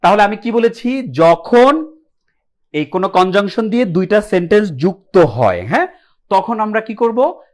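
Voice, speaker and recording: A man's voice: high-pitched, big pitch swings, unhurried. A young man teaching an English grammar class live online, asking the students questions and answering them himself, with English words mixed into his speech.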